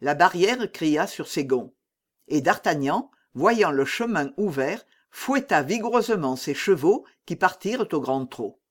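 A narrator reading a novel aloud in a measured, expressive way. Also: medium pitch. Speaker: audiobook narrator.

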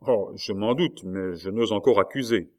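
A man's voice: lowish voice, normal speed, natural voice. Brief: man doing a bold young tulip grower, pleading and insistent, audiobook reading. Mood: anxious.

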